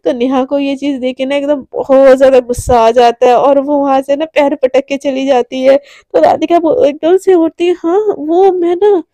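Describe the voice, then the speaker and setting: A woman's voice: sits high, steady tone, normal speed, warm tone, dry recording. A woman narrating a romance story casually, chatty and full of fillers. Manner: chatty, with many fillers and restarts.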